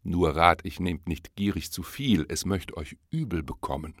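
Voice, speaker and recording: A man playing a sly, flattering fox. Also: low-pitched, normal speed, dry recording, studio quality. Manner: smooth, courteous, scheming. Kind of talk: audiobook reading of a verse fable.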